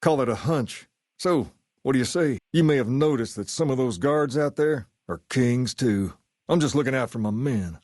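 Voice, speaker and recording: A male actor plays an easygoing video game gang boss who carries himself like rock-and-roll royalty. He sits at a middling male pitch and talks in a measured, folksy, colloquial way. The sound is dry and close, and he comes across as sure of himself. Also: expressive, a little mellow, no room sound, lightly acted. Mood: businesslike, confiding. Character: easygoing, self-assured gang leader styled as a rock-and-roll king. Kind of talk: scripted game character dialogue.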